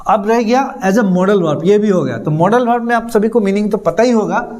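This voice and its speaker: A man's voice: high voice, moderate pace, darkish tone. A man teaching an English class, repeating words and quizzing his students. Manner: repeats words, asks students questions, chuckles. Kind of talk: classroom lesson.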